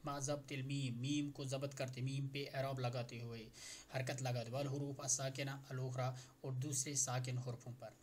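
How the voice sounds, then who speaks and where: Male teacher, from India, Arabic grammar lesson, slow repeated phrases, questions to the class. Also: mid-range voice, level tone, a little mellow, slight background noise. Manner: repeats Arabic phrases slowly, then translates; poses questions to students before answering. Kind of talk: grammar lesson explained in Hindi-Urdu.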